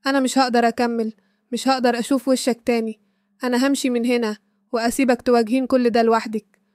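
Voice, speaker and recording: A woman reading the lines of a jealous, furious young male lover in Egyptian Arabic, quickly and evenly in her own voice. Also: fairly high pitch, little pitch movement, darkish tone, no room sound, studio quality, lightly acted. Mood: angry.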